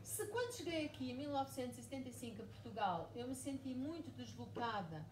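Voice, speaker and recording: A high, expressive woman's voice with a darkish tone and a fairly quick pace. She's a Mozambican author in her forties, a guest at a live book event, telling her story emphatically and repeating herself a lot. The bookshop event room echoes, and the far mic picks up plenty of noise.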